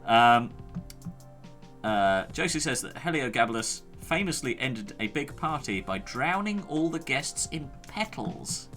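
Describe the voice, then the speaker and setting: Dry-humoured British man, lively pitch. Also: unhurried, faint music behind. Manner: dry, reading out listener comments with hesitant fillers. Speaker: podcast co-host. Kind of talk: casual chat.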